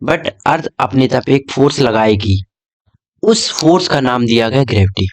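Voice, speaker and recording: A man's voice: mid-range voice, animated, moderate pace. A young man teaching an exam-prep lesson in a casual, chatty way, often checking in with "okay?". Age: young adult.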